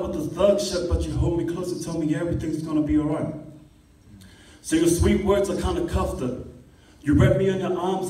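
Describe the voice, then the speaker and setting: A man's voice: sits high, warm tone. A young man performing spoken word poetry at an open mic, rhythmic and impassioned, filmed by a distant camera in a classroom. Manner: rhythmic, impassioned delivery with rising intensity. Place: classroom with a small audience. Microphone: stand mic, filmed by a far camera. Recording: echoey room, distant camera.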